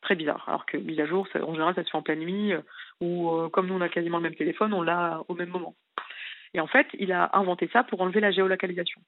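A woman's voice: on the low side, steady tone, fast talker, dry recording. A distressed woman calling in to a radio show, telling a long story in a rambling way full of details. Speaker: caller. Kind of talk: call-in radio confession. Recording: tinny phone line.

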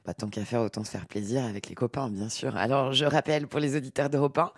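A man hosts a radio interview from a studio, his voice at an ordinary middle pitch and very dry, with no room around it. He delivers the show's details like an announcer and slips in small fillers between questions. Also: steady tone, fast, no room sound. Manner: announcer-like, fills with euh. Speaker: radio host.

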